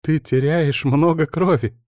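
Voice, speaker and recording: A man's voice: fairly even intonation, a little slow, darkish tone, no room sound, clean studio sound, close to an everyday voice. A man voicing a frantic, tearful young woman. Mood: sobbing. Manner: shrill, pleading, breaking into sobs. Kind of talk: audiobook character voice.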